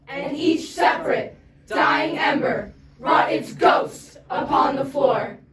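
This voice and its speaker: High-pitched young women chanting in unison, far off. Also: female voice, takes it slowly. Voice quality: loud, emphatic projection. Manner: chorus in unison, several young voices reciting together. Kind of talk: dramatic choral poetry recitation. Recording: echoey, distant mic, loud crowd of voices.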